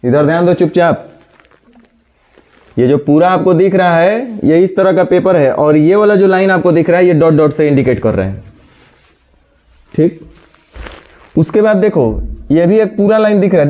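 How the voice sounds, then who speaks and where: Scolding teacher. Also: male voice, high-pitched. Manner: scolding, brisk, addresses students directly. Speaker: reasoning teacher. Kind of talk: classroom lecture. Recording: dull lo-fi sound.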